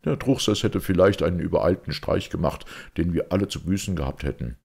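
A man voicing a warm, fatherly veteran commander in an audiobook. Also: sits low, fairly quick, vocal fry, breathy edge, voice pushed up, heavily acted.

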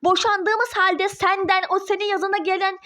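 A woman voicing a furious young ex-wife in a toy-game role-play drama, shouting threats and cursing. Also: very high-pitched, steady tone, normal speed.

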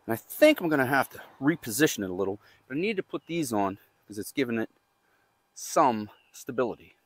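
This gardening vlogger talks with a mid-range voice full of big pitch swings, moving at a brisk clip on a recording with no echo. He's outdoors among the trees and garden beds, rambling chattily and making jokes at his own expense.

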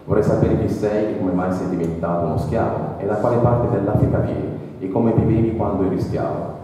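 A man reading aloud the lines of a gentle young woman interviewer, asking patient questions in his plain read-aloud voice. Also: fairly low pitch, fairly quick, a little hiss or hum, close to an everyday voice. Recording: echoey hall, mic far off.

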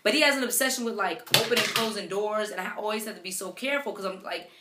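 A young woman, a mother, chatting casually to camera with lots of "like" and "um" in an animated retelling. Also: mid-range voice, quick pace, very noisy. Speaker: vlogger, mother. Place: home room with her baby beside her. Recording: echoey room.

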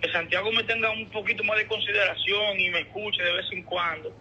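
Through a tinny, muffled speakerphone with a little background noise, a Dominican caller speaks fairly quickly in a high, pushed, bright voice with fairly even intonation. He explains himself with hesitation and repetition in a casual call.

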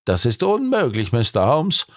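A man's voice: medium pitch, huge pitch swings, normal speed, no room sound, clean studio sound. A man voicing a desperate, grieving old carpenter in a pleading, raised voice for an audiobook.

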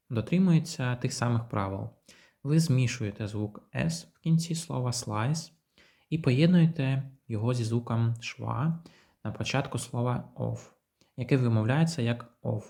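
A man teaching English pronunciation to beginners, explaining patiently and modelling English phrases slowly for repetition. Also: mid-range voice, creaky, mellow. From Ukraine.

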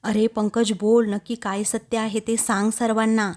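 A woman's voice: a little high, little pitch movement, moderate pace, darkish tone, lightly acted. A woman voicing a young wife who scolds and accuses her family, in a recap of a serial. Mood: accusing.

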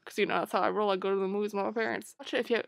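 A woman's voice: mid-range voice, steady tone, racing, gravelly, dry recording, poor audio. A young woman vlogging in a hyper, rambling way, tired and easily sidetracked. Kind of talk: casual vlog chat.

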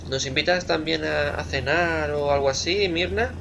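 A man's voice: on the high side, normal speed, creaky, noisy background. A man giving casual, playful let's play commentary, musing aloud and repeating words. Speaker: gamer, let's play host.

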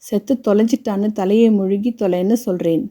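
A woman's voice: mid-range voice, fairly even intonation, a little fast, close to an everyday voice. A woman voicing a stern middle-aged orthodox man who scolds his mother harshly. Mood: scolding. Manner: scolding, shouting through teeth.

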